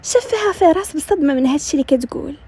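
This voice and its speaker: A woman with a Moroccan Arabic accent narrating a romance story in a brisk, continuous storytelling manner. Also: high-pitched, warm tone, dry recording.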